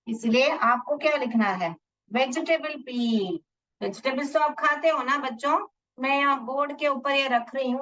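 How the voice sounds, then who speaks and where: A woman teacher giving a lesson to children, repeating words slowly so they can write them down. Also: sits high, a bit bright, muffled recording.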